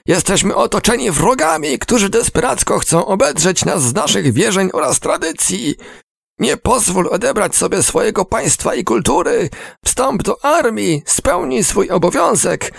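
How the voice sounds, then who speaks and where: A man voicing a zealous male soldier who shouts a pompous recruiting call in a storybook reading. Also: high-pitched, vocal fry, husky, no room sound, pitched above the performer's own voice, exaggerated voice. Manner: shouting a war cry, pompous.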